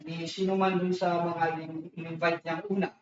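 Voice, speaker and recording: Preacher in an echoey church hall, off-mic. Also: male voice, on the high side, flat delivery, moderate pace, recorded from a distance, lo-fi sound, background noise. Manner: conversational, mixes Tagalog and English, frequent restarts and tag questions. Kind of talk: sermon.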